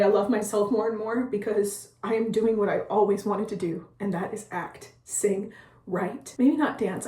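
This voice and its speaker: A woman's voice: medium pitch, a little mellow, distant mic. Earnest woman vlogger, casual heartfelt monologue, roomy echo, sounds set back from the mic. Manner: earnest, emotional, self-encouraging. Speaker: aspiring actor and writer vlogger. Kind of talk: casual personal vlog monologue.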